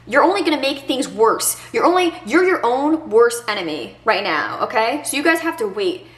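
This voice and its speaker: A woman's voice: a little high, sing-song, normal speed, fairly bright tone, echoey room. Congested chatty young woman vlogger. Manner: chatty, many fillers like "like" and "kinda". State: congested nose. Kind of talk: casual advice vlog.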